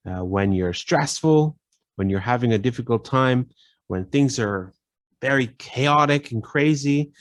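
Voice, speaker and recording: A man teaching a casual English vocabulary lesson, repeating phrases and filling pauses with "you know". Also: medium pitch, no echo.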